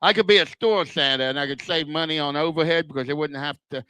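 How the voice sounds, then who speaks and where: A man's voice: on the high side, sharp tone, clear, resonant tone, dry recording. Older man with a wet, slurred, whistling lisp. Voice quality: slurred, whistling lisp with wet sibilants, as if missing front teeth. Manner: self-deprecating, deliberate punchline delivery. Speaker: stand-up comedian. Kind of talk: stand-up comedy routine.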